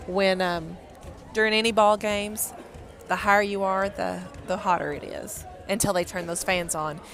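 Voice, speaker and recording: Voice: mid-range voice, fairly even intonation, moderate pace, a bit bright, faint music behind. A chatty middle-aged co-commentator who laughs easily, speaking casually at a school game. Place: school gym, indoors. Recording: noisy gym with crowd chatter.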